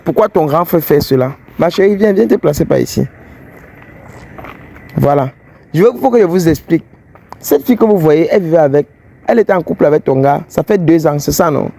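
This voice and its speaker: A man with an English-speaking Cameroonian accent hosts a fidelity-test vlog, confronting people on the street in a blunt, scolding, teasing way. His voice is a little high, gravelly and dark, expressive and brisk, broken by long pauses.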